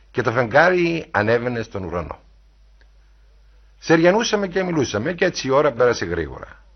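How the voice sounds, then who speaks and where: A man reads a novel aloud with expressive storytelling. His husky voice moves widely in pitch, and the recording sounds dull and lo-fi. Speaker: audiobook reader. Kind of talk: dramatic reading of a novel.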